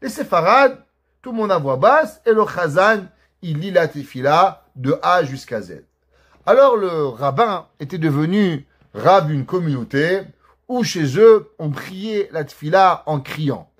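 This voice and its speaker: High-voiced rabbi telling a story. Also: male voice, measured pace, husky. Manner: lively storyteller, acting out dialogue. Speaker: rabbi teaching a class. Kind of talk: recorded religious lesson with storytelling.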